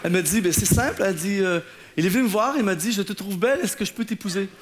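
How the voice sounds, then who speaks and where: Man, pastor, very high voice, sermon, lively storytelling. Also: fast, noisy background. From Canada. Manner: animated storytelling, acting out the people in his stories. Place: church in front of an audience, laughter heard.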